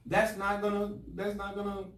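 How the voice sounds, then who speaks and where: Excitable fast-talking man, roomy distant sound. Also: sits high. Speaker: podcast co-host. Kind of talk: casual podcast chat. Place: room, livestreamed podcast. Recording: echoey room, far from mic, faint noise.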